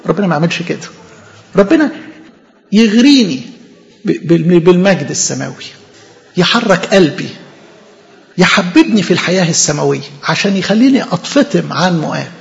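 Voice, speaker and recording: A man's voice: high-pitched, creaky. An Egyptian man preaching a fervent sermon in a church, asking his own questions and answering them. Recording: reverberant hall, dull lo-fi recording.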